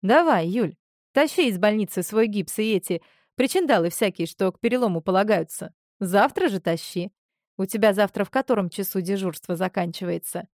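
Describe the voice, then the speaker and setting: A manipulative young woman who fakes helplessness, as a woman reader puts her on. She pleads in a raised, plaintive voice, pushing each line louder and higher than the narration. It is a dry storybook reading. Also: animated, normal speed, no echo, lightly acted. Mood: decisive.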